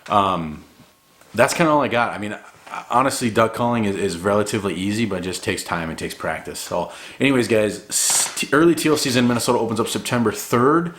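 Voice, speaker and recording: A man's voice: fairly low pitch, a little fast, fairly bright tone. A man giving an informal, encouraging hobby tutorial in a laid-back, conversational way. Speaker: hobby hunter giving a duck calling tutorial. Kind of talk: casual instructional talk.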